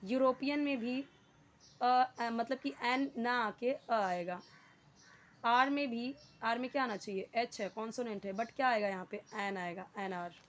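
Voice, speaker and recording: A woman teaches English grammar step by step, in a fairly high voice. She repeats words patiently and keeps asking the listener questions. The recording sounds dull and lo-fi. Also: measured pace.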